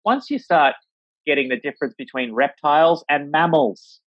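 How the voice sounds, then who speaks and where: A man's voice: a little high, expressive, moderate pace, dry recording. A man talks casually as an interview guest about life as a vet. He rambles with many fillers and acts out the voices of people he quotes. The recording is dry and a little dull. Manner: acts out voices when quoting.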